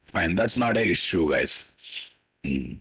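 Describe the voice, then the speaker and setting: This man's husky voice sits low and sounds a bit bright, and his slow delivery is animated. Speaking with a Telugu-influenced Indian accent, he leads a live coding lesson, restating points and testing listeners through tag questions.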